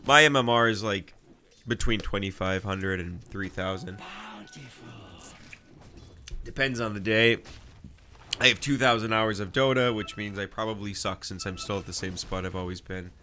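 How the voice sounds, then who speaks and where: A man with a low-pitched, bright and forceful voice calls a video game match live in a loose, chatty way. His nose is audibly stuffy, and he wanders off into asides as he talks. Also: moderate pace, pauses often. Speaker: game commentator. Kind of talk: casual live commentary.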